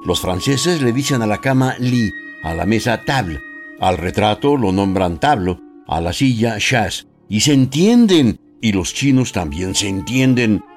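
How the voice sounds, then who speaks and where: A man's voice: fairly low pitch, animated, unhurried, soft background music. A man reading a storybook aloud, voicing a lonely, frustrated old man who raises his voice in exasperation. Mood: exasperated.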